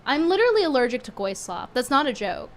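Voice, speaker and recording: A woman streamer talks fast in a high-pitched voice with big pitch swings, though a cold makes it strained and effortful. Blunt, scornful and chatty, she reads tips aloud in a casual livestream, with a little hiss or hum in the audio.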